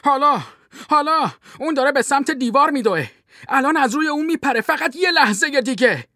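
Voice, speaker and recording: A woman's voice: a little high, dry recording, lightly acted. Lady reading a jumpy army captain guy, stumbly lookout commentary, dry mic. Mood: excited. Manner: tense, halting running commentary. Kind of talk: audiobook role reading.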